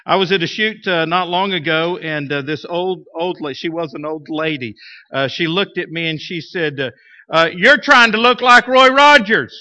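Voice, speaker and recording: High, bright-voiced male preacher. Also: steady tone, normal speed. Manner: folksy, emphatic preaching delivery. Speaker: pastor. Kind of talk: sermon. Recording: dull, muffled lo-fi church recording.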